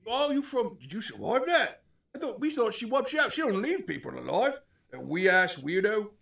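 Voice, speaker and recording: A man's voice: high-pitched, big pitch swings, moderate pace, vocal fry, bright, forceful tone, voice pushed up, heavily acted. A man voicing a leering, crude hobgoblin raider in a tabletop game, with a slangy, taunting drawl. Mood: scornful. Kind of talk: improvised tabletop role-play.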